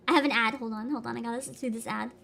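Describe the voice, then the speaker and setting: A woman chatting casually on a reaction livestream, excitable, giggly and given to exclaiming as she hosts. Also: a little high, gravelly, slight background noise. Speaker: streamer, host.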